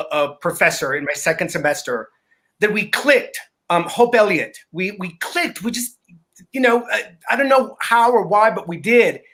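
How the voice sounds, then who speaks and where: A man's voice: sits high, fairly bright tone. A man speaking as a guest in a conversational talk, earnest and emphatic, often repeating words as he starts a sentence.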